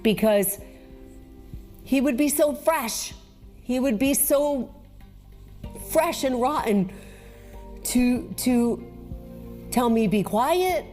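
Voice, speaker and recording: Slow, earnest devout mother. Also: a little high, warm tone, faint music behind. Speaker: mother of the interviewee. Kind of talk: personal testimony.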